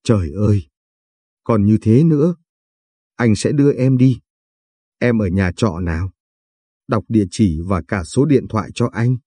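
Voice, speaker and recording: A man's voice: lowish voice, moderate pace, darkish tone, breathy edge, no echo, clean studio sound. A man voicing a caring young man who is earnest and worried, talking protectively in a storybook reading. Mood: anxious, eager.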